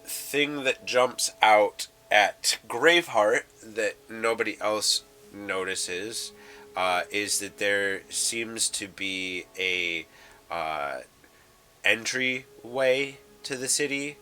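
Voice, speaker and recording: Man, game master, deep voice, bright tone, halting with lots of fillers, faint music behind. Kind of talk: improvised game narration. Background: faint background music.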